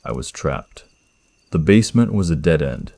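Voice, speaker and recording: Deep-voiced man narrating horror. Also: expressive, moderate pace, vocal fry, a little mellow, no echo. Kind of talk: scripted first-person horror narration.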